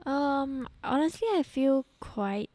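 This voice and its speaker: A woman's voice: high voice, expressive, takes it slowly, warm tone. Cheerful young woman. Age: 20s. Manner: cheerful, earnest, lots of "like" and giggles. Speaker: podcast co-host. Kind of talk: casual podcast chat. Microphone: studio podcast mic.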